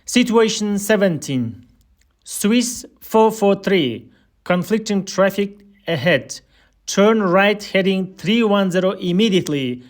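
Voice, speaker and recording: In a listening drill, a man acting as instructor reads scripted air traffic control phraseology at an unhurried, deliberate pace. He has a high, expressive voice.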